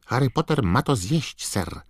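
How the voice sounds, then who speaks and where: A man voicing an excitable male house-elf servant who squeaks and screeches and talks about himself in the third person. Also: measured pace, no echo. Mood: eager, urgent.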